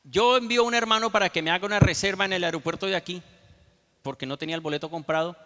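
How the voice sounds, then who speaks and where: High-voiced pastor in reverberant hall. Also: male voice, very fast, pushed and bright. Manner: storytelling, addresses the congregation as brothers. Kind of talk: sermon.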